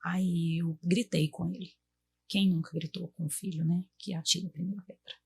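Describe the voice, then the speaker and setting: Brazilian woman in her thirties, husky tone, chatty storyteller voicing her own quotes. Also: fairly low pitch, steady tone, normal speed. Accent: Brazilian Portuguese. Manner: warm storytelling, acts out quotes to her kids. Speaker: guest. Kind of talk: casual chat.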